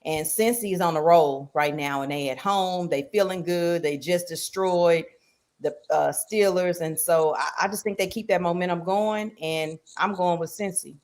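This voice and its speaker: A woman co-hosting a casual sports pick'em chat, talking loosely and getting loud and animated as she vents. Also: fairly low pitch, moderate pace. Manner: animated, loud and laughing when worked up. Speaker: podcast co-host.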